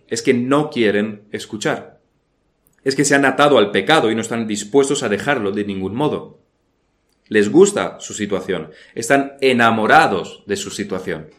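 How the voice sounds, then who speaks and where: A man preaching a sermon in an earnest, firm way, asking many rhetorical questions. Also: fairly low pitch.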